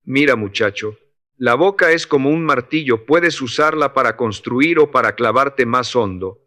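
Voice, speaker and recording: A man reading the part of a 68-year-old construction worker, a man of few words who gives calm, measured advice. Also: medium pitch, close to an everyday voice. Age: 60s.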